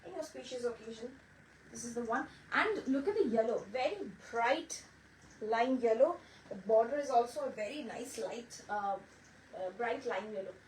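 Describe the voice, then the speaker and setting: A woman's voice: fairly high pitch, expressive, drawn-out words, darkish tone. A woman from Bengal hosting a live saree sale, chatty and mixing Bengali with English as she greets viewers by name. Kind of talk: live-stream sales pitch. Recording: echoey room, distant mic, faint noise.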